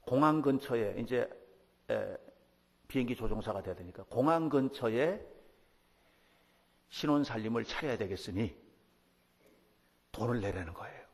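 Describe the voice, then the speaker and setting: A middle-aged man preaching a sermon as pastor, telling the story with lively, acted-out voices. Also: mid-range voice, moderate pace, creaky, pauses often, big-room sound. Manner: animated storytelling, acting out quoted voices. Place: church sanctuary.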